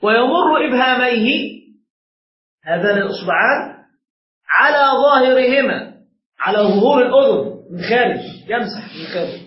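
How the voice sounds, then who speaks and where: Speaking at normal speed with an expressive, very high voice, a man acting as sheikh walks his seated students through a religious text piece by piece and questions them along the way. Dull, lo-fi audio captures the room's echo.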